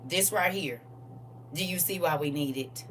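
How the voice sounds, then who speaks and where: A woman in her forties with a low voice hosts a casual livestream and reads viewer comments aloud in an animated, teasing way. Her mic sits a little away from her, and there is a faint hum behind her. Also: measured pace, recorded from a distance.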